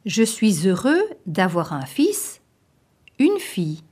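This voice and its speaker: A woman teaching a vocabulary lesson, saying each short phrase slowly and distinctly so learners can repeat it. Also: mid-range voice, very animated, darkish tone, husky. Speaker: language teacher. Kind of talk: slow, clearly spoken vocabulary lesson.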